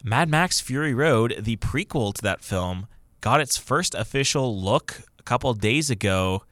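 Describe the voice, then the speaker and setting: A man's voice: mid-range voice, lively intonation, a little slow, fairly bright tone, no room sound. A man co-hosting a casual movie podcast, reading out film news in an upbeat way. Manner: upbeat, reads news items off a list. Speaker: podcast co-host.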